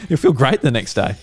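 Casting: male Australian podcast host, lively swooping delivery, teasing banter, music faintly part of the track. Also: mid-range voice, breathy edge. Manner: joking, teasing. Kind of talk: casual banter among friends.

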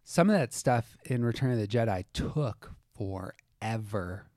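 A man's voice: lowish voice, animated, unhurried, a little mellow, no room sound, studio quality. A man hosting a podcast, casually recapping and discussing a TV episode, narrating scenes as he goes. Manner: narrates scenes, reads out quotes, laughs easily. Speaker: podcast host.

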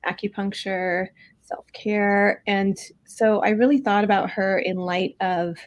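A woman's voice: mid-range voice, fairly even intonation, unhurried. A woman co-hosting a podcast, talking casually and at length with fillers. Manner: chatty, warm introductions with fillers. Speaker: podcast co-host.

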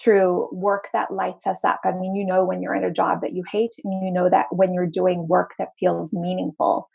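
Gravelly woman with a light Zimbabwean accent. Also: lowish voice, level tone, moderate pace, darkish tone, highs cut off. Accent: light Zimbabwean and South African, mostly American. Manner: enthusiastic, earnest. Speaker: marketing coach and podcast guest. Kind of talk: casual podcast conversation.

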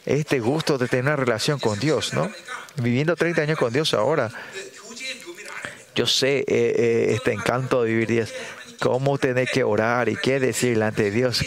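A middle-aged man preaching a sermon as pastor, halting with fillers and tag questions and acting out prayers in a raised voice. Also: mid-range voice. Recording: congregation audible behind.

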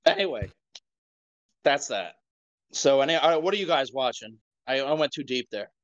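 A man's voice: mid-range voice, expressive, normal speed, a bit bright, no room sound. A man in a casual podcast chat rambles through a retold story, stopping to correct himself along the way. His voice is bone-dry and dull in tone, as if from a cheap mic in a dead room. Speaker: podcast co-host.

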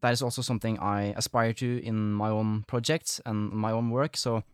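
A man's voice: fairly low pitch, steady tone, normal speed, clear, resonant tone, no echo. Tentative male podcast host, dry sound. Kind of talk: casual interview.

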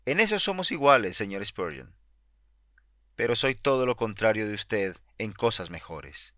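A man's voice: on the low side, big pitch swings, moderate pace, bright, forceful tone, dry recording. Give me an earnest, pleading fifty-year-old woman close to tears, read by a man. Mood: insistent.

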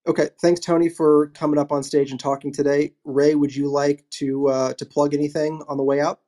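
Closing out an informal online panel, the host, a man, rambles easily through his thanks to the speakers. His voice is on the high side and his delivery brisk.

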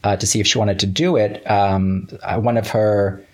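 Low-ish and steady, with a slightly dark tone, this man's voice moves at an ordinary speed. A writer appearing as an interview guest, he chats casually, stumbling through false starts and often re-enacting old exchanges by quoting what he once said.

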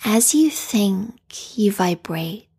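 A woman leads a guided meditation very slowly, her medium-pitched voice soft, breathy, and whispery. Her tone stays calm, soothing, and meditative.

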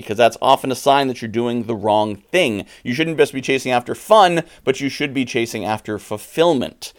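Earnest man giving motivational advice. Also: medium pitch. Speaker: podcast host. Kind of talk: motivational monologue.

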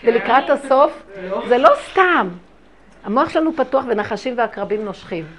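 A middle-aged woman giving a spiritual talk to an audience, telling her stories emphatically and dramatically, with big swings in loudness. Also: fairly high pitch, animated, slight background noise. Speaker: religious speaker.

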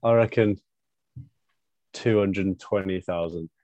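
Lowish-voiced young man, casual banter. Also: steady tone, slow, warm tone, dry recording. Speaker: podcast panellist.

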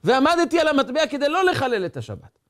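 A man's voice: medium pitch, lively intonation, dark tone, natural voice. A man voicing a poor, earnest young boy who pleads in heartbreak as he tells a story. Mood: anguished.

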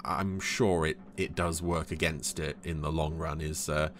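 A man's voice: extremely low pitch, fairly even intonation, a little slow, fairly bright tone, slight background noise. A man giving casual, humorous commentary on an episode, with dry, hesitant asides.

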